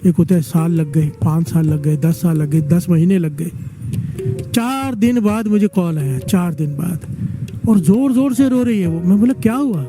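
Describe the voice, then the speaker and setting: A preacher leads a devotional gathering, telling stories and urging the congregation to chant responses back to him. His voice is high-pitched and moves at a normal speed over music.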